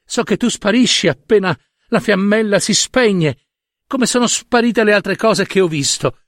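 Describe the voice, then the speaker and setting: A man's voice: high voice, unhurried, fairly bright tone, no echo, clean studio sound, pitched above the performer's own voice. A man voicing a poor little girl who pleads breathlessly with her grandmother, in a storybook reading. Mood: pleading.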